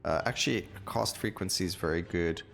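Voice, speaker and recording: In this casual gaming video, the host talks through his decisions for viewers while game music plays. His low voice is brisk and creaky, with a fairly bright tone.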